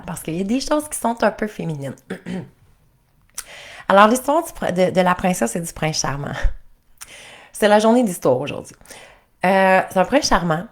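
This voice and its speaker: A woman coach with a Quebec French accent tells a fairy tale as part of a talk. She is chatty and animated, often restarting her phrases mid-thought. Her voice sits a little on the low side. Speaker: life and couples coach.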